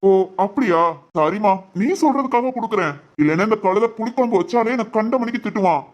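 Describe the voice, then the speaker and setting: A man's voice: sits high, quick pace, natural voice. A man voicing a jovial middle-aged father in a comedy cartoon, proud of his cooking and mock-stern with his son.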